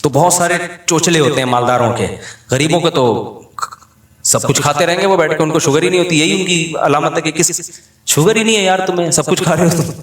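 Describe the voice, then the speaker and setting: Animated man preaching in an echoey room. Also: fairly high pitch. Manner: humorous storytelling with lively acted dialogue; slows down for serious points. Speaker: Islamic scholar. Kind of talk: informal sermon.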